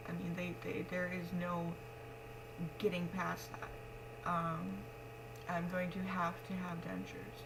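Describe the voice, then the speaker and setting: A woman's voice: lowish voice, monotone, slow pace. A young adult woman talking casually and frankly to her vlog, rambling in a matter-of-fact way, with the speech of someone missing front teeth. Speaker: pregnant vlogger. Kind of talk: casual confessional vlog talk. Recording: clearly noisy home recording with hum.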